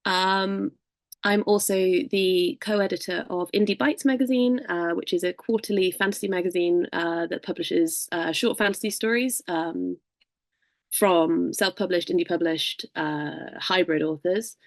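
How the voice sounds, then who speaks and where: A woman introducing herself as an author and magazine co-editor on a video call, halting, with many fillers. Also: on the low side, no echo, studio quality. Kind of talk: self-introduction on a live stream.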